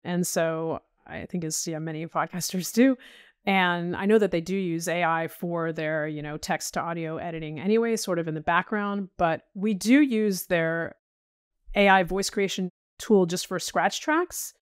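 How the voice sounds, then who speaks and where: A woman's voice: lowish voice, normal speed, clean tone, no echo, clean studio sound. A middle-aged woman talking casually as a podcast guest, chatty, with frequent restarts and "you know"s. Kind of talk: casual interview chat.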